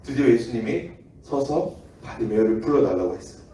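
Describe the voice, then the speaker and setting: Male children's preacher, Gyeongsang accent, animated and mellow, echoey distant hall sound. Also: mid-range voice, brisk, slight background noise. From Daegu. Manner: lively, acts out quoted voices, laughs often. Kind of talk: children's sermon with storytelling. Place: church hall.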